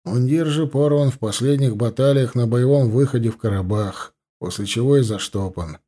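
A man's voice: mid-range voice, normal speed, mellow, lightly acted. A man voicing a proud, stubborn young dragoon who answers curtly and defiantly. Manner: curt, defiant.

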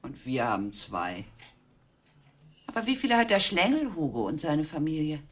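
Radio play: domineering mother, animated pitch, dramatic, demanding. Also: normal speed, slight background noise. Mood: jealous. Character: eccentric, domineering working-class mother.

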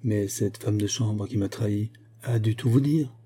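A man's voice: on the low side, moderate pace, warm tone, breathy edge. A man voicing an embarrassed young lover caught out, apologetic, in an audiobook reading. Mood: abashed.

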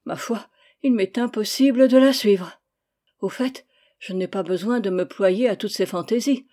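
A woman reading aloud and voicing a young man, a tutor who grumbles and lectures in a measured way. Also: medium pitch, mellow, natural voice. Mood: grumbling.

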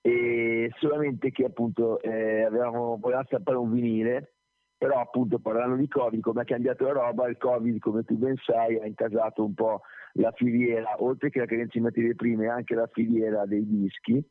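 A man heard over a phone call, his voice squeezed thin and tinny by the line. He answers interview questions as a band's singer, at a middle pitch, rambling loosely and often correcting himself mid-thought. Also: flat delivery, moderate pace. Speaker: singer of a band, interview guest.

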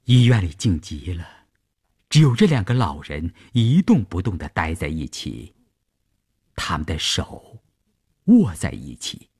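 A man narrating a radio serial in a measured, expressive storytelling manner. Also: low voice, breathy edge.

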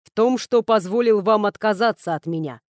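A woman reading an audiobook, voicing a composed young male noble master in a level, steady tone. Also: mid-range voice, moderate pace, dry recording, studio quality, close to an everyday voice. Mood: earnest. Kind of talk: audiobook character voice.

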